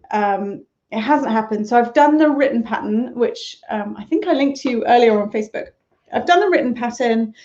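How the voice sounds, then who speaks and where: A woman's voice: a little high, a little mellow, muffled recording. A woman hosting a casual crochet Q&A live stream from home, chatty, rambling and self-deprecating. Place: at home, on a sofa.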